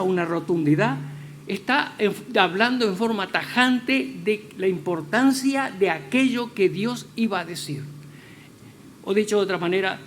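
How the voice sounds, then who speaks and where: A man preaching a sermon in a church, stressing key words slowly and building to loud, firm declarations. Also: sits high, a little hiss or hum.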